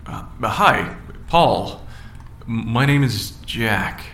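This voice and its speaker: A man's voice: medium pitch, animated, extremely slow, fairly bright tone, reverberant, slight background noise, full character voice. A man playing an unsure male amateur investigator who probes hesitantly and sounds weary. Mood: wary.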